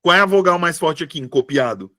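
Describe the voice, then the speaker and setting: A man teaches grammar in a live online class, with a voice pitched a little high. He talks in a relaxed, chatty way and keeps stopping to ask whether everyone has understood. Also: a little fast. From Brazil. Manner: chatty, asks students constant checking questions. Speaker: Portuguese teacher for civil service exam prep.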